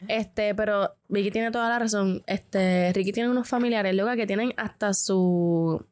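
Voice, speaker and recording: A woman's voice: mid-range voice, steady tone, a little slow, a little mellow. Blunt Puerto Rican woman. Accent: Puerto Rican Spanish. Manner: outspoken, blunt. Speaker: podcast co-host. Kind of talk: casual chat.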